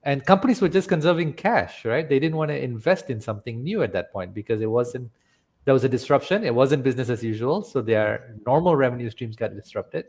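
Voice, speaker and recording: A man's voice: medium pitch, lively intonation, a little fast, darkish tone. A man who is a podcast guest, explaining his experience in a reflective way and often checking in with "right?". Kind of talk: conversational interview.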